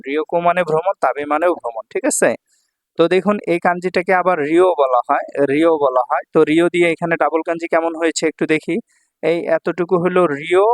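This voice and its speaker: A man's voice: a little high, no room sound. Patient male language teacher, dry close sound. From Bangladesh. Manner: patient, repeats words and checks understanding. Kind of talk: kanji lesson explanation. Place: Dhaka language center.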